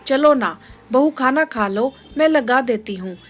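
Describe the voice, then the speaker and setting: A woman voicing a loving older grandmother in a storybook tale, who speaks softly and eagerly to please. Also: sits high, expressive, unhurried, slight background noise. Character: affectionate older grandmother, mother-in-law.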